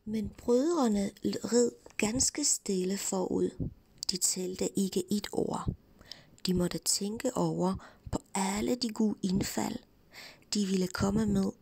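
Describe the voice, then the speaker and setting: A woman's voice: medium pitch, gravelly, breathy edge. Woman in whispered role-play storytelling. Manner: soft unvoiced whisper.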